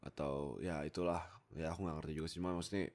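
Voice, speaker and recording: With an extremely low pitch and a fast delivery, this young adult from Indonesia tells casual, unscripted stories about himself into a close USB mic. He's a YouTuber and hobbyist voice actor whose rambling is animated and full of exclamations and frequent giggles.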